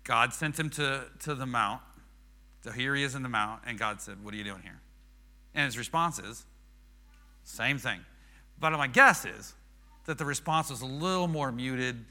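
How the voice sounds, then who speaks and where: Bright-voiced man preaching conversationally. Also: mid-range voice, moderate pace. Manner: chatty, self-deprecating, acts out quoted prayers. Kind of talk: conversational sermon.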